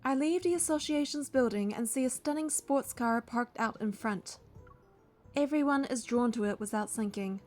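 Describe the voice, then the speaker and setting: A woman creating a game playthrough reads the story text aloud in a fairly high, slightly mellow voice at a moderate pace. She shifts between narration and casual commentary, with light music behind her.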